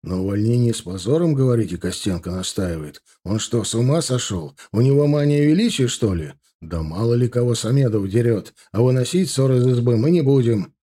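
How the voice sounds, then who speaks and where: Мужчина изображает возмущённого первого проректора. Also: male voice, mid-range voice, animated, fairly quick, hardly any pauses, warm tone. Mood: indignant gruff. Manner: gruff, indignant, commanding. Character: indignant senior university official, older man.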